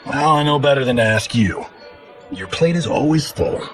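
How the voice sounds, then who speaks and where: An actor playing a cocky, good-natured movie star in a video game, with a showy, casual, slangy delivery. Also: male voice, mid-range voice, lively intonation, moderate pace, soft background music, natural voice. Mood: warm, sincere. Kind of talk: video game cutscene acting.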